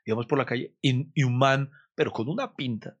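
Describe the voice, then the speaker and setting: A man, a comedian, chatting casually and telling animated stories with frequent laughter. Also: mid-range voice, fairly quick, highs cut off. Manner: animated storytelling, laughs often. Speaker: comedian, co-host.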